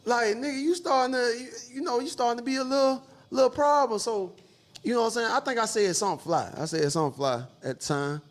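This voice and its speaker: High-voiced man telling a story. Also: fast. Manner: profane, animated, heavy use of "you know what I'm saying". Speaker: storyteller guest. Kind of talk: casual storytelling.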